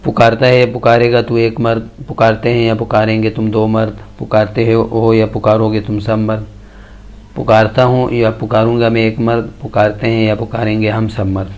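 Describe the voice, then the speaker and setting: A man recites Arabic verb tables in a low, gravelly voice. His delivery is flat and even, one form after another, like a patient classroom drill. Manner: chants verb conjugation tables in steady measured lists. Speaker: Quran and Arabic grammar teacher. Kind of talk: slow recited grammar lesson.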